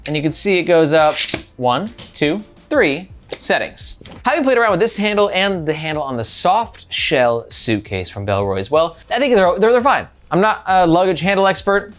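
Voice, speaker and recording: A man giving a casual product review, chatty and playful, with slang and jokes. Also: a little high. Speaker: bag reviewer.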